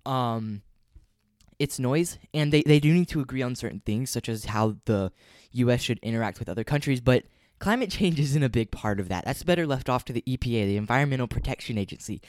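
Male podcast host, medium pitch, opinionated and offhand solo commentary, very dry room. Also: expressive, brisk, a little mellow, no echo. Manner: flippant, opinionated, rambling. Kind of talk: casual solo political news commentary.

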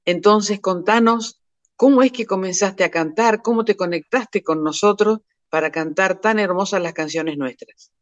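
A woman's voice: mid-range voice, moderate pace. Argentine woman radio host, admiring announcer, muffled lo-fi line. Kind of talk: radio interview. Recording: dull lo-fi radio sound.

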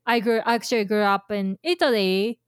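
In a casual chat, a woman teaches Japanese, leaning on imagined scenarios and lots of filler words. Her mid-range voice is clear and resonant at a normal speed, captured in clean studio sound without echo.

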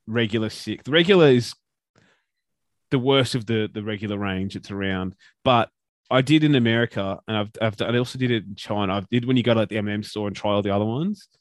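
A man's voice: fairly low pitch, quick pace, no echo. Man, casual podcast chat, rambling, dry close sound. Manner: rambling, swears casually, many restarts. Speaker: podcast co-host.

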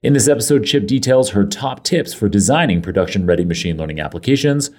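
A man hosting a tech podcast from his home studio reads an enthusiastic, effusive scripted introduction, then chats casually with a guest joining on a remote call. His voice is lowish, expressive, fast and a little mellow.

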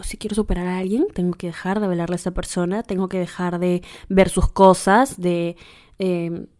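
Young woman host, casual advice monologue, teasing and affectionate, drops into whispers. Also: mid-range voice. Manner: playful, teasing, calls listener pet names, drops into whispers. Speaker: podcast host.

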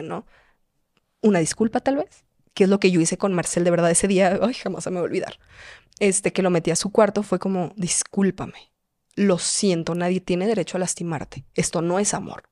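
A woman's voice: lowish voice, brisk, darkish tone, no echo, clean studio sound. A woman in her twenties with a Mexican Spanish accent, chatting as a podcast guest and telling stories full of fillers. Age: 20s. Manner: chatty, filler-heavy storytelling, often acting out quoted voices. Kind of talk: casual conversational interview.

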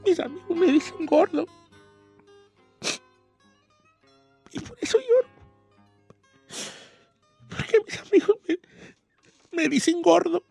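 A man's voice: high voice, lively intonation, normal speed, a bit bright, no room sound, soft background music, full character voice. A man voicing an old Mexican rancher with a Mexican accent, hosting a radio show and telling a rambling, self-mocking comic story. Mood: folksy storytelling.

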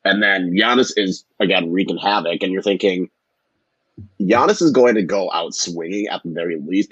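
A man's voice: low-pitched, husky, no echo. A man co-hosting a sports podcast in casual chat, on slightly dull audio. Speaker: podcast co-host.

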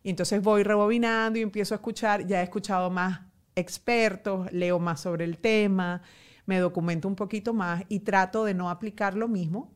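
Woman guest, 40s, expressive storyteller, laughs at herself, mid-pitched and natural. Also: moderate pace, smooth. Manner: animated, self-mocking, quotes family in acted asides. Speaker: guest journalist. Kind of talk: candid conversational interview. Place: home pantry.

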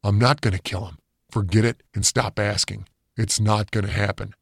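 A man's voice: lowish voice, fairly even intonation, normal speed, gravelly, slightly rough, no echo, clean studio sound. A man voicing a stressed, desperate young man who speaks in a tense, strained way.

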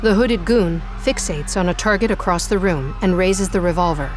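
A woman giving measured, suspenseful scripted narration for an audio drama. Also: on the low side, darkish tone, soft background music.

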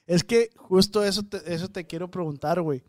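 A man hosts a podcast and asks his questions in laid-back slang. His voice is notably high, and it sounds dry and close. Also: brisk, a little mellow, no echo. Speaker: podcast host. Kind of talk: casual chat.

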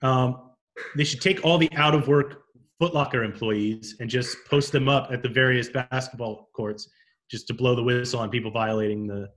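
A man's voice: medium pitch, steady tone, normal speed. A man co-hosting a casual comedy podcast, easygoing and agreeable, dropping dry quips. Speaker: podcast co-host.

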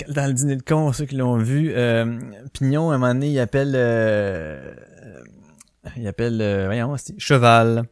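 A man's voice: medium pitch, moderate pace, smooth, no echo, studio quality. A man with a Québécois French accent hosting a casual solo podcast, telling stories in a profane, ranting way. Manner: swearing, ranting storyteller who acts out quotes. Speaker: podcast host.

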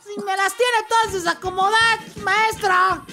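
Man playing a dopey class clown kid, squeaky high voice, slow drawl, music behind. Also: steady tone. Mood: goofy. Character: dim-witted mischievous schoolboy in class. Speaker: comedy radio host. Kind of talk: comedy radio sketch.

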